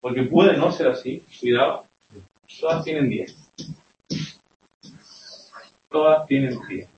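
The young man teaching this poetry class has a mid-range, slightly mellow voice and speaks slowly, with a little hiss or hum on the recording. He's a literature teacher lecturing in a classroom, explaining and frequently questioning students to check they follow. The sound is roomy and dull.

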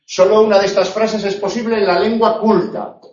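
A man's voice: high-pitched, little pitch movement, normal speed, a little mellow. A man from teaching a live online grammar lesson, explaining with jokey asides and checking in often with "eh?" and "no?". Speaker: Spanish language teacher. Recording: echoey, distant, dull room sound.

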